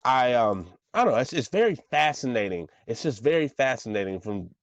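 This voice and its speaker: Halting male podcast host, dry sound. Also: mid-range voice, sing-song, no room sound, muffled recording. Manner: halting, repeats words while thinking. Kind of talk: casual interview chat.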